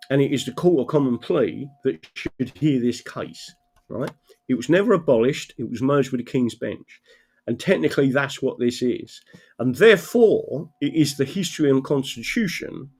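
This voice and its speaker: An emphatic man hosting a rambling livestream. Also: medium pitch. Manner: emphatic, often checks with "right?". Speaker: livestream host. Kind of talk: rambling livestream monologue to viewers.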